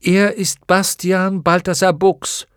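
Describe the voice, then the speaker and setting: A man's voice: fairly high pitch, brisk, no echo, studio quality, voice pushed up, natural voice. A man voicing a brave, earnest young boy hero in an audiobook, speaking eagerly and urgently. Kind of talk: audiobook character voice.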